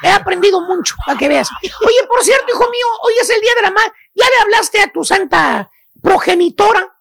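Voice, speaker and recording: A man with a Mexican accent voicing a loud, preachy male comic character who rants and scolds in a radio sketch, breaking into sobbing whines. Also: very high-pitched, lively intonation, a little fast, creaky, heavily acted. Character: loud preachy male "maestro" lecturing sons about their mothers.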